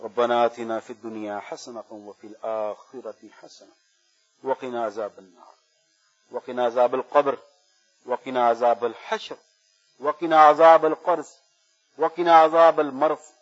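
A man leading a slow, drawn-out prayer at a gathering. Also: medium pitch. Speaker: prayer leader. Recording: muffled and distant from mic.

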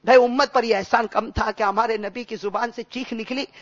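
A man preaching an impassioned sermon to his congregation, building from quiet appeals into shouted climaxes and repeating calls to his listeners. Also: very high-pitched, fairly even intonation, moderate pace. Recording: dull lo-fi recording.

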